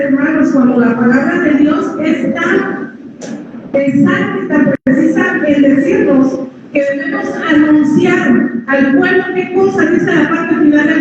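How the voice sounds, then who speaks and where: A woman with a big, strong voice preaching a sermon, often dropping low to address her listeners as brothers. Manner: addresses listeners as brothers, drops pitch on each "hermanos". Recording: echoey hall, from far off, dull sound, noisy.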